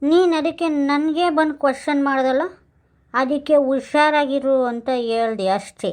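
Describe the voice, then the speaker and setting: A woman's voice: sits high, moderate pace, a little mellow, lightly acted. A woman playing a drunken, boastful village man in a comic skit, rambling with slurred speech and broken English. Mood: boastful, threatening.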